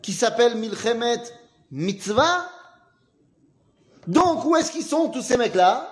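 Animated, questioning male Talmud teacher. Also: very high voice, takes it slowly. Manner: animated, asks questions and answers them himself; casual and slangy. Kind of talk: informal Talmud class with students.

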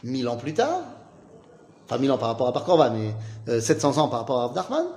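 A man's voice: medium pitch, very animated, fast, a little mellow, slight background noise. A man teaching an informal Talmud class, asking questions and then answering them himself in a casual, slangy way.

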